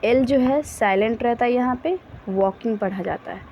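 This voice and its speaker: A woman teaching English grammar in Hindi, saying example sentences very slowly and then explaining quickly, often correcting herself with small apologies. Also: on the high side. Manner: self-correcting, apologetic asides. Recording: dull lo-fi sound with faint background hiss.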